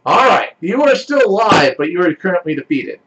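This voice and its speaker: A man's voice: brisk, highs cut off, noisy background. A man running a tabletop role-playing game as game master, casual and often laughing. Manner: animated, laughing, lively pitch swings.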